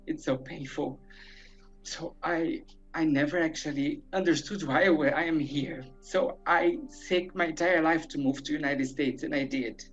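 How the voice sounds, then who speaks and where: A woman from Brazil, a native Portuguese speaker, crying as she tells her personal story haltingly to an online forum. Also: deep voice, steady tone. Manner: halting, emotional, searching for words. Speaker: forum participant. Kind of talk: emotional personal account. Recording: muffled lo-fi audio with faint music.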